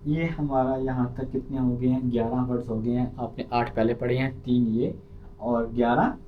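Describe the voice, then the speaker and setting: A man with a Pakistani Urdu accent teaching an online lesson. He explains patiently and drills each sound by repeating it loudly. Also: medium pitch, flat delivery, moderate pace, phone-quality sound. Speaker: language teacher.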